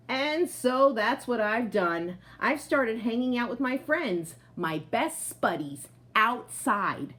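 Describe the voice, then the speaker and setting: A woman with a fairly high voice reads a picture book aloud to children, telling the story expressively like a teacher. She adds friendly asides for her young listeners.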